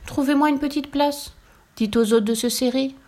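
A whining, sulky little pig from a storybook, as a woman reads him. His voice climbs high and pleads in a petulant wail. He grumbles that nobody loves him. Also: fairly quick, darkish tone, lightly acted. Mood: pleading. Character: greedy sulky little male pig, whiny.

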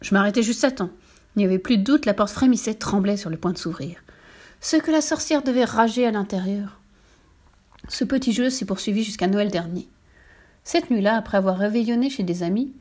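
A woman reading a story aloud in the first person, expressive and lively, putting on voices for the characters. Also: medium pitch.

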